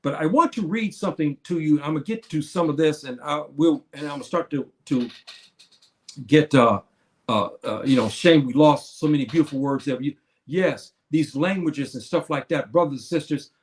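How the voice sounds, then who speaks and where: A man in his seventies giving a casual livestream talk to his viewers. He speaks haltingly, with many fillers and repeated words, and he repeats his key phrases. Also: on the high side. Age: 70s.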